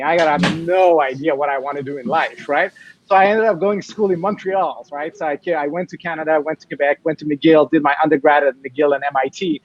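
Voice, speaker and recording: Man, high voice, animated, lots of restarts, dry dull lo-fi audio. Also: no room sound. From Iran. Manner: animated, many restarts and "you know". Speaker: guest, tech startup founder. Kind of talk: casual interview talk.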